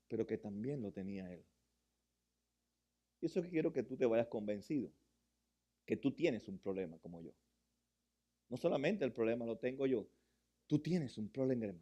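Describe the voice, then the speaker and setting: A man preaching a sermon as pastor, impassioned, repeating phrases for emphasis and swinging between loud, high passages and quiet, low ones.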